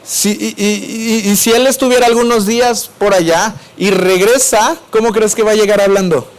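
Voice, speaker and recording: A man's voice: high voice, steady tone, moderate pace. A male preacher with a Mexico City Spanish accent, giving a sermon and asking the congregation questions before answering them himself. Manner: swings between raised and dropped voice.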